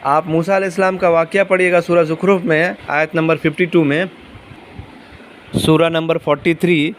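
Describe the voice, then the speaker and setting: A man's voice: fairly high pitch, level tone, a little hiss or hum. A man teaching a Quran commentary lesson, explaining patiently, asking the listeners questions and repeating key words. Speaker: religious teacher.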